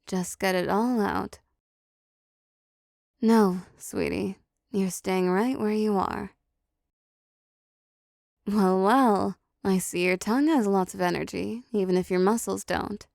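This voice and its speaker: In this intimate audio drama, a woman plays a seductive, possessive female demon who teases the listener slowly, calling them condescending endearments. Her mid-range voice is creaky and a little mellow, with a condescending, controlling mood. The sound is dry and clean, studio-grade.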